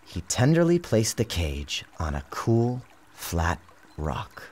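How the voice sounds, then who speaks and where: A man with a fairly low voice narrates his own storybook slowly, in a dramatic, theatrical scripted reading with music behind him. His delivery is expressive.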